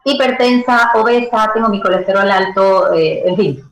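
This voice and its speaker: A woman's voice: mid-range voice, moderate pace, roomy sound, a little hiss or hum, poor audio. A woman giving expert advice as a radio interview guest, explaining with everyday analogies. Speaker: stress management educator.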